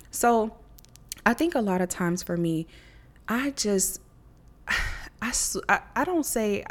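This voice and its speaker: A young woman hosting her own podcast from her living room, talking casually and candidly into a handheld mic, cursing freely and laughing often. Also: on the low side. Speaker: podcast host. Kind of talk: casual solo podcast talk.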